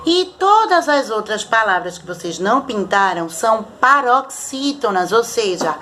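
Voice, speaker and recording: A woman from Brazil teaching a primary school class in a remote video lesson, going over homework slowly and patiently and spelling out words syllable by syllable. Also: fairly high pitch, bright, forceful tone, a little hiss or hum.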